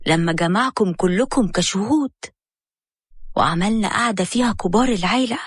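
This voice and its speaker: A woman's voice: mid-range voice, husky, no room sound, studio quality, natural voice. Woman voicing a firm Egyptian ex-wife. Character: divorced ex-wife, calm, firm and defiant.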